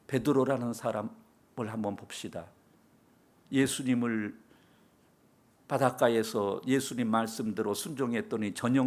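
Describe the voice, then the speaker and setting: A man preaching a church sermon, telling a story with acted-out dialogue and rising to loud exhortation. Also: mid-range voice. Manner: dramatic storytelling, acting out quoted dialogue, building to loud exhortation. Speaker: pastor.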